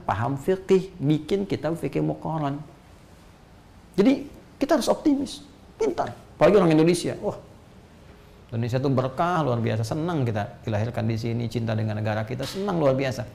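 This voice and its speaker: A male Islamic preacher giving a religious lecture, animated and full of rhetorical questions and joking asides. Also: mid-range voice, creaky.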